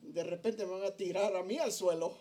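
A man's voice: sits high, a little fast, dark tone. A middle-aged male pastor preaching a sermon, earnest and storytelling as he addresses his congregation.

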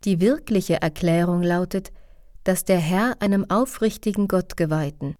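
A woman reads a devotional text aloud in an even, reverent manner. Her voice is low and mellow, and the recording is dry and close. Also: normal speed, no echo. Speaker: audiobook narrator. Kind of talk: scripted narration of a religious text.

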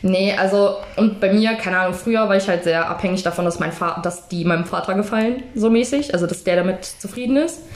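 A woman co-hosting a casual podcast chat, blunt and quick to laugh, with casual swearing. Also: mid-range voice. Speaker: podcast co-host. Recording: echoey room with faint noise.

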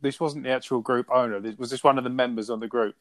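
A man's voice: medium pitch, fairly even intonation, fast talker, fairly bright tone, dry recording. A man co-hosting a podcast, chatting casually with a sarcastic, mocking edge. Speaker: podcast co-host.

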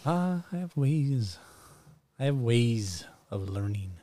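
A man voicing an old bearded antique shop owner who talks slowly and mysteriously. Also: medium pitch, big pitch swings, dark tone, a little hiss or hum.

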